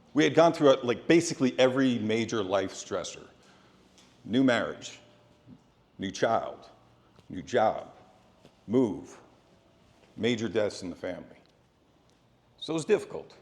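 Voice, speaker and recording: A middle-aged man delivering a prepared, sports-themed motivational speech in an earnest, deliberate way, in short phrases with pauses. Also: medium pitch. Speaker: motivational speaker. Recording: echoey hall with long reverb.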